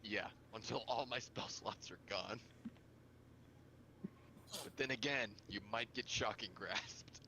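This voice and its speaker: A man's voice: on the low side, pushed and bright, a little hiss or hum, poor audio. A man playing a tabletop game who laughs often and jokes around with the group. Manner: giggly, quick to laugh. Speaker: player. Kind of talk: tabletop role-play chat.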